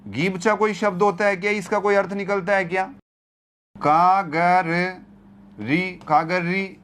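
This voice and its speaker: A man's voice: high-pitched, little pitch movement, fairly quick, a bit bright. A man teaching Hindi grammar in an exam-prep lecture, repeating key terms and asking rhetorical questions. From India.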